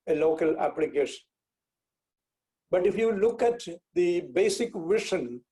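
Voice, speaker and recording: Slow, mellow man with a Malayalam accent. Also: fairly high pitch, poor audio. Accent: Malayalam-accented Indian English from Kerala. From Kerala, India. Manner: measured, deliberate, with repeated phrases for clarity. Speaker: guest speaker giving a lecture. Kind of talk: explanatory online talk. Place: indoor room with bookcase, on a video call.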